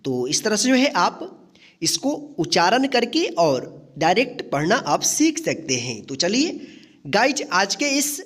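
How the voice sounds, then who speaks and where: A teacher giving a reading lesson, who spells each word letter by letter, asks how to read it, then answers with a lower-pitched word. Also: sing-song, measured pace, fairly bright tone. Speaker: English teacher.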